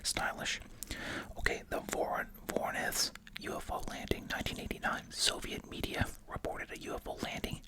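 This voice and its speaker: At a normal pace, an ASMR host reads aloud and drops in relaxed asides, all in a breathy, unvoiced whisper pressed up to the mic. Gum chewing runs through their speech.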